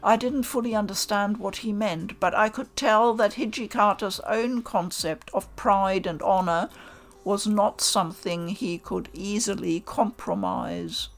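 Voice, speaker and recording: A woman calmly reading a visual novel aloud in the first person. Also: mid-range voice, unhurried, vocal fry. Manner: calm, first-person storytelling. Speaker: narrator.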